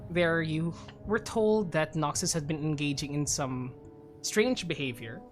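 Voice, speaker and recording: Low-voiced woman game master narrating. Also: a little slow, soft background music. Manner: animated, reading from notes. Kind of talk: narrating a tabletop game recap.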